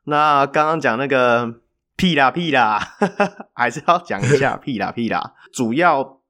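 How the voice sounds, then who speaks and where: A man, co-hosting a podcast and telling a story in a chatty, animated way with filler pauses. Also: medium pitch. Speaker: podcast co-host. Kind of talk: casual storytelling chat.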